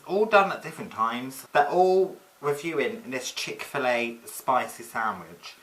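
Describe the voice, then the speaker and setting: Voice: mid-range voice, a bit bright, poor audio. A commentator with a sassy, mocking, theatrical drag-queen delivery, recapping online drama in a gossipy way. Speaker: video commentator.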